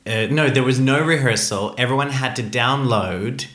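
A man in casual conversation, animated and laughing easily, his voice jumping up high when excited. His pitch sits in the middle range. The room gives his voice a noticeable echo. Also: normal speed. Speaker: podcast co-host. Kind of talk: casual chat.

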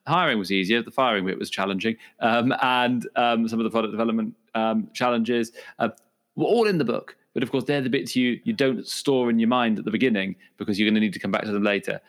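A man's voice: medium pitch, fast, fairly bright tone. A man hosting an interview podcast, polite and enthusiastic. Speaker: podcast host.

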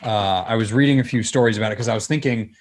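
A man's voice: on the low side, fast talker. A man in casual conversation, telling things in an informal, anecdotal way. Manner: acts out quoted dialogue when telling stories.

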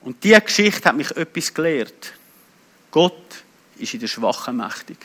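A Swiss man with a Swiss German accent tells a personal testimony in a high, bright voice. He retells it vividly and with feeling, often sinking into a hushed, quiet tone. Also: big pitch swings, unhurried. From Switzerland. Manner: emotional, vivid retelling with sudden drops to hushed tones.

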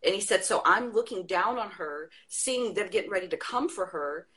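Speaking at normal speed with a medium-pitched voice, a woman guest gets passionate in casual conversation. Stories pour out of her animatedly, and she laughs while making her point.

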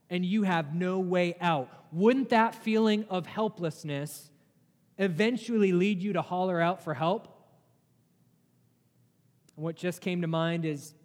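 Slow-preaching man in a reverberant hall. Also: a little high, a little mellow. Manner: earnest preaching with rhetorical questions and emphatic rises. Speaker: pastor. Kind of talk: sermon.

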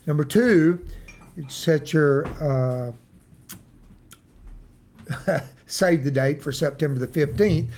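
A man with a hillbilly Appalachian accent and a slightly high-set voice leads an informal Bible study. He talks in a folksy, plain-spoken manner, as a church teacher would with people he knows. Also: slow pace, long pauses, a little mellow. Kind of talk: informal devotional talk.

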